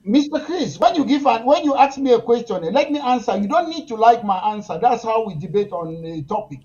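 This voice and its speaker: A man's voice: very high-pitched, expressive, brisk, darkish tone, lo-fi sound. A man from Cameroon, a political guest pressing his points insistently in a heated talk show debate.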